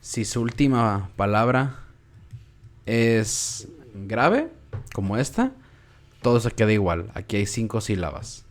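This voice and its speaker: Speaking slowly in a lower register, a young Mexican-accented man runs an easygoing class. He repeats words out loud to demonstrate their stress.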